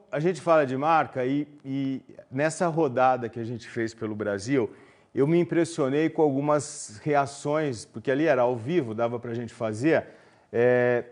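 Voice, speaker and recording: A man's voice: mid-range voice, a little mellow. A man with a Brazilian Portuguese accent presenting a live online marketing class, chatty and joking with his audience, with many fillers. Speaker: webinar presenter.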